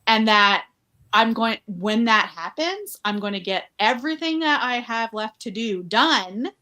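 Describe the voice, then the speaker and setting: A woman's voice: fairly high pitch, lively intonation, measured pace, pushed and bright. A woman guest on a podcast, talking in an upbeat, chatty way with lots of "like" fillers. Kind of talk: casual conversational interview.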